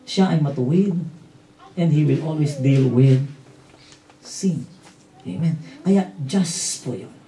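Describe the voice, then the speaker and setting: A man's voice: fairly high pitch, slow, creaky, pauses often, dark tone. A man with a Filipino accent preaching a sermon as pastor, mixing in English and often asking "Amen?" and "no?". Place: church hall. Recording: roomy hall audio from a distance.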